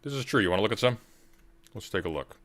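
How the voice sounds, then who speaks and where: Host, man, low voice, dry and wry, reacting on stream. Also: lively intonation, fast, a bit bright. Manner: dry, muttering asides. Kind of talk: casual reaction commentary.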